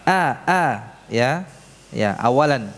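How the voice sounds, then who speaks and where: Slow, patient male tajwid teacher in a mosque hall. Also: mid-range voice, lively intonation. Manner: slow, patient, drills sounds and asks the class to repeat. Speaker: Quran recitation teacher. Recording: reverberant hall, faint room noise.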